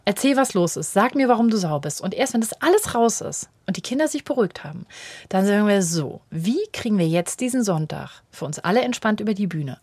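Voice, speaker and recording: A woman's voice: medium pitch, fairly quick, slightly rough, dry recording. A middle-aged woman, a parenting expert, talking in an interview and acting out the voices of parents and children as she explains. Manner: animated, acts out quoted voices of children and parents. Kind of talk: conversational interview.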